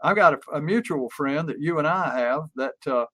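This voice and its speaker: A man's voice: fairly high pitch, moderate pace, fairly bright tone. An older man co-hosting a podcast, telling stories in a casual, emphatic way with frequent restarts. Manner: anecdotal storyteller with frequent restarts and fillers; emphatic, repeats key phrases. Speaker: podcast co-host and marketing coach.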